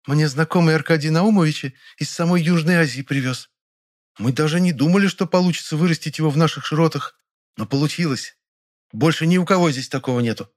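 A man's voice: medium pitch, flat delivery, a little fast, voice pushed up, close to an everyday voice. A man voicing an older woman, a proud amateur gardener who boasts and fusses over her plants. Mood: boastful. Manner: boastful, fussy.

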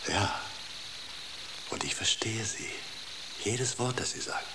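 In a radio drama, a male actor plays a dreamy poet enraptured by an inner voice. His fairly low, slow voice stays hushed and reverent, often close to a whisper, full of hushed rapture.

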